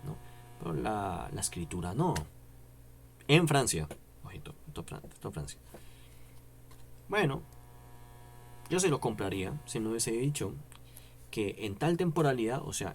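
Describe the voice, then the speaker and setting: A man's voice: on the low side, slight background noise. A man giving a casual, rambling philosophy lesson to camera, asking many tag questions and repeating "no" for emphasis. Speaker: philosophy YouTuber. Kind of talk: casual explanatory lecture to camera.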